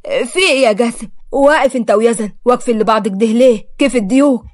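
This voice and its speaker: A woman voicing a sharp-eyed young woman who asks low, pointed questions in a storybook reading. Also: fast talker, no room sound, clean studio sound, natural voice. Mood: curious.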